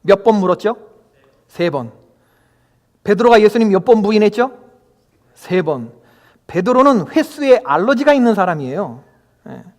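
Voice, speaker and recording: A man's voice: sits high, sing-song, moderate pace, pauses often. A male pastor preaching a Sunday sermon in a church, emphatic and often putting questions to the congregation. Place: church sanctuary. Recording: long hall reverb.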